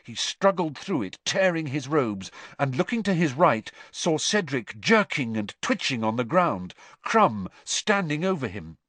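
A man's voice: mid-range voice, sing-song, measured pace, few pauses, fairly bright tone, no echo. A man reading a story aloud as narrator, with dramatic, tense storytelling. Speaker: audiobook narrator. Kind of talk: scripted narration.

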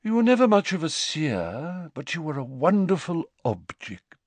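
A male storybook reader voices a haughty older woman who teaches divination, pitching high and swinging widely as he draws out words with theatrical, mystical dignity. She comes across as self-important and easily affronted, very animated and soulful, at a normal speed. The recording is close and dry.

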